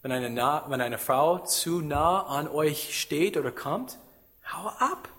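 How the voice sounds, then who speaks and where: Slow, bright-voiced male preacher. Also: fairly high pitch. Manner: emphatic, rhetorical questions, non-native German with grammar slips. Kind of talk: sermon.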